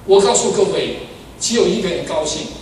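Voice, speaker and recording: An older pastor tells stories in his sermon and moves between loud, excited bursts and quiet asides. His voice sits high for a man and carries from a distance in a very echoey church hall. Steady background noise runs under it. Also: fairly quick. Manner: animated storyteller, swings from loud exclamations to soft asides. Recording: echoey hall, far from the mic, noisy.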